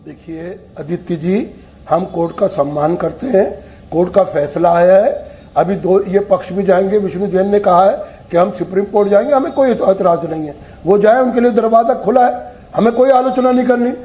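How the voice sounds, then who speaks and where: A man's voice: high-pitched, normal speed, warm tone. A man arguing as a cleric guest on a heated TV news debate, repeating himself and interrupting. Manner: repetitive, insistent, keeps interrupting.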